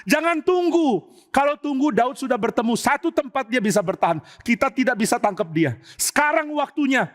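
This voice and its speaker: A man plays a cunning royal advisor in a retold story. The voice sits high and presses each point with urgent insistence. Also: sing-song, normal speed, long reverb tail.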